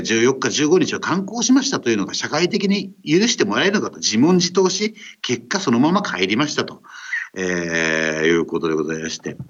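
A man hosting a radio show remotely, talking casually and politely with many filler pauses. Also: mid-range voice, fairly bright tone, dull audio. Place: remote recording over an internet call.

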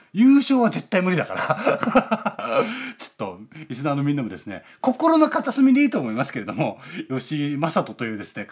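Husky chatty male radio host. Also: on the high side. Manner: rambling, chatty, many fillers and chuckles. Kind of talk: casual radio chat.

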